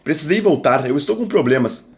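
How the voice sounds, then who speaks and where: A man's voice: on the high side, animated, fairly quick. A man reading aloud, voicing an innocent, earnest young man who talks firmly and a little confused. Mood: worried. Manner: earnest, firm.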